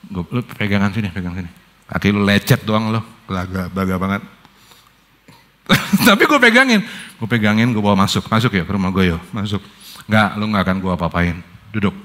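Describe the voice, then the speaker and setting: Middle-aged male pastor, Jakarta accent. Lively, bright delivery, casual storytelling sermon. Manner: slangy, storytelling, swings from low murmurs to high excited bursts.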